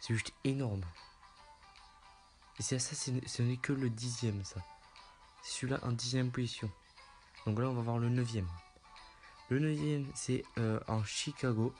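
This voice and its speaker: A man's voice: medium pitch, fairly even intonation, measured pace, pauses often. A man hosting a casual top-ten voice-over, hesitant with many fillers and repeating himself. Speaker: YouTube channel host. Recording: music playing loudly underneath.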